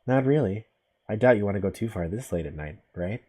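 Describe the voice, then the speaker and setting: Man voicing an emotionless, deadpan young woman. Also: on the low side, fairly quick. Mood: deadpan, flat. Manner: flat, deadpan delivery. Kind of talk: visual novel character read aloud.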